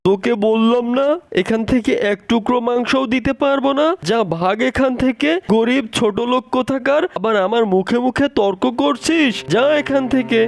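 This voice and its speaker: A man doing a gravelly, squeaky stingy monkey. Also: normal speed, no echo, soft background music. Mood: scornful. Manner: scornful and bossy. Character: stingy rude male monkey neighbor. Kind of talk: cartoon voice acting.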